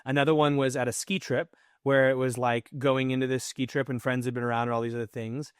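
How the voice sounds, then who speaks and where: A man's voice: mid-range voice, fast, clear, resonant tone, no echo. Male podcast co-host, thirties, candid storyteller, dry close mic. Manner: candid, animated storytelling with mimicked inner voices. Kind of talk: casual podcast conversation.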